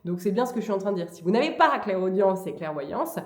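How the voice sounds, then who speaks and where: A woman talking casually and hesitantly in a vlog, with frequent pauses as she gives advice. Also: medium pitch, very animated. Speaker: vlogger. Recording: echoey room.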